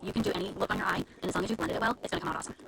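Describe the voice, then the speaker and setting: Fast, gravelly-voiced woman teaching makeup. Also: mid-range voice, lively intonation, noisy background. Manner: chatty, explains step by step in detail. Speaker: beauty influencer. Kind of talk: live makeup tutorial. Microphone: live-stream camera mic.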